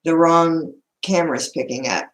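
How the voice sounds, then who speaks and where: Woman, Southern US accent, lower register, casual live-stream talk, folksy, roomy laptop sound. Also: moderate pace. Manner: folksy, informal. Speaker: livestream host. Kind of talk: casual live-stream chat, greeting viewers. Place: indoor room at home. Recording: echoey room, laptop livestream.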